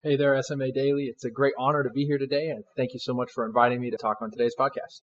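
A man in his twenties speaks very fast at a medium pitch with a level tone. He's a soldier appearing as a guest, answering interview questions earnestly and politely. The recording sounds dull and lo-fi.

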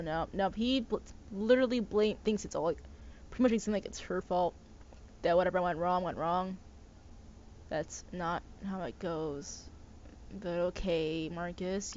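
Ranting young woman, lo-fi recording. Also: on the low side. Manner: swearing, rambling with restarts and stumbles. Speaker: podcast host. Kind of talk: casual rant. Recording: slightly dull lo-fi sound with faint noise.

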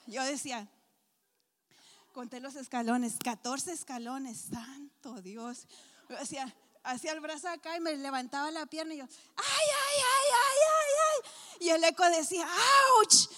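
Brief: woman, lively church comedy storyteller, high voice, long hall echo. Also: normal speed. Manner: animated, acts out voices and groans. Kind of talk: comic storytelling to a church women's audience.

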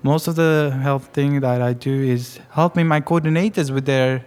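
A man from Afghanistan with an Afghan accent, speaking English in a casual interview about his fundraising award, pausing often with ums. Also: a little high, fairly even intonation, a little mellow. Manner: hesitant, with frequent ums.

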